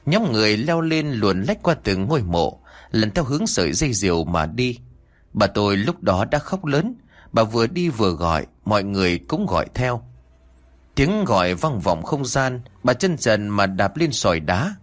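Lower-voiced man telling a ghost story. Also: normal speed. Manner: expressive, dramatic storytelling.

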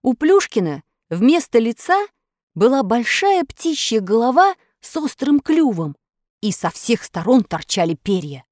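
A woman narrating a children's story in a lively, expressive way. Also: a little high, unhurried, no room sound, studio quality.

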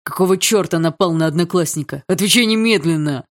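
A man's voice: fairly high pitch, fairly even intonation, moderate pace, lightly acted. A woman voicing an angry, bossy male gym teacher who barks orders. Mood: furious. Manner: barking orders.

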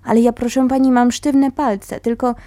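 A woman's voice: a little high, level tone, moderate pace, warm tone, dry recording, voice pushed up, natural voice. A woman reading the quoted lines of an exhausted young male insurgent who speaks respectfully and apologetically to his teacher. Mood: polite.

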